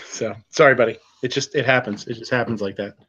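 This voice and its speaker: A man's voice: mid-range voice, fairly bright tone, husky, muffled recording. A man co-hosting a casual livestream chat, laughing easily and rambling as he reads out comments. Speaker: livestream co-host reading chat.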